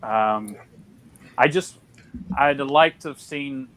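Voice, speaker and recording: A man's voice: medium pitch, slow pace, a bit bright. A man hosting a casual film discussion, chatty with lots of fillers and restarts. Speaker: podcast host.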